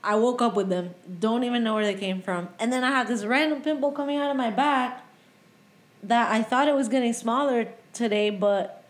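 A woman in her thirties co-hosting a podcast, chatting casually and laughing, exclaiming loudly when excited. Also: on the high side, moderate pace, slight background noise. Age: 30s. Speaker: podcast co-host. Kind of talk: casual chat.

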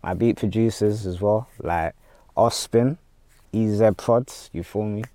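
A man's voice: fairly low pitch, measured pace, mellow, no echo. A man with a London roadman accent, chatting casually as a podcast guest in heavy street slang full of tag phrases. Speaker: podcast guest, music artist.

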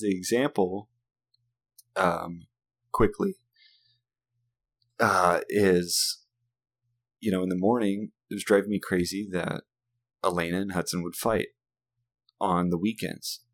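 A man in his thirties, a father, telling a story in casual chat, laughing often and swearing casually. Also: sits low.

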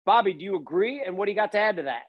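High-voiced man steering the chat. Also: lively intonation, very fast, highs cut off. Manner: agreeable, runs the conversation, hands off questions. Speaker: podcast host. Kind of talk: casual podcast chat.

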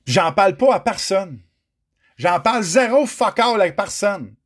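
A man's voice: sits high, expressive, measured pace. A middle-aged man with a Quebec French accent, telling his own story in a raw, emotional monologue, cursing often and speaking straight to the viewers.

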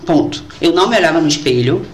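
A woman guest in a casual conversation, telling a personal story in an animated, expressive way and acting out the voices she quotes. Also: deep voice, fast, a little hiss or hum. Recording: roomy echo.

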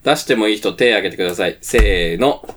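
A man co-hosting a casual podcast, ribbing his friends with quick teasing remarks. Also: on the low side, fairly bright tone. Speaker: podcast co-host. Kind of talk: casual chat.

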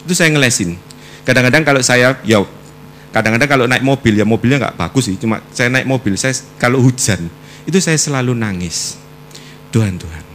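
A man preaching a sermon with personal testimony, swinging between loud exhortation and soft, prayerful asides. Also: lowish voice, a little hiss or hum.

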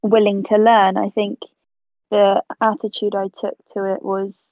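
A woman's voice: medium pitch, little pitch movement, a little slow, no echo. A woman in her twenties, originally from South Africa, chatting casually as an interview guest and laughing easily. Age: 20s. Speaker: guest photographer. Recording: tinny phone-like line.

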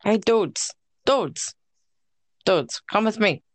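A woman's voice: medium pitch, expressive, takes it slowly, dry recording. A woman doing an impression of a laid-back, goofy cartoon handyman who eagerly rallies his friends. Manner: eager, rallying, repeats "dudes".

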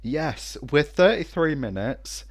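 A young man with vocal fry, co-hosting a podcast in casual, teasing banter. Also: fairly high pitch, animated, takes it slowly, no room sound. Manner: jokey, teasing, sweary. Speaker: podcast co-host.

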